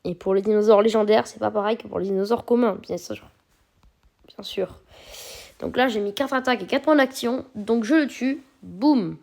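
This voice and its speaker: A woman's voice: mid-range voice, normal speed, gravelly, a little mellow. A woman gives casual, chatty gameplay commentary, explaining each step with plenty of fillers. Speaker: mobile game video creator.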